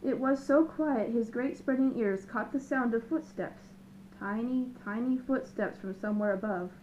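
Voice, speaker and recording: A woman reading a children's picture book aloud with lively, expressive narration. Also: on the high side, moderate pace, dull audio, slight background noise. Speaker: storyteller. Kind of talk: children's storybook read-aloud.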